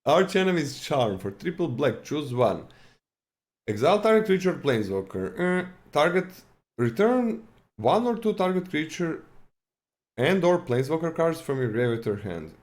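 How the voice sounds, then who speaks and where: Lively man in casual game chat. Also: a little high. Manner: halting, restarts mid-sentence, animated. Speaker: co-host of a card game podcast. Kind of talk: casual card review chat.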